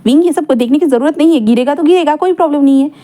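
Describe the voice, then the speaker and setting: A woman voicing two wealthy young men who speak calmly and soothingly. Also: high voice, rapid-fire, lightly acted. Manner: soothing, easygoing. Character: calm, wealthy young male lovers.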